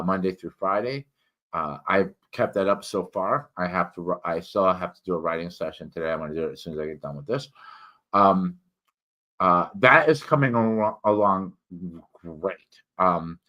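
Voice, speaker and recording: Speaking in a very deep voice that sounds pushed and bright, a host, reviewer and writer rambles casually through opinions and a personal update. A swollen mouth makes his words slightly thick, and he stumbles along, doubling back on words and making many self-corrections.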